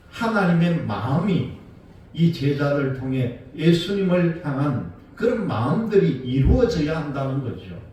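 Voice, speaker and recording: A man's voice: fairly high pitch, dark tone, a little hiss or hum. A male pastor delivering a Sunday sermon, retelling scripture and asking the congregation rhetorical questions. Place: church sanctuary. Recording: very echoey room, voice from a distance, faint ambience.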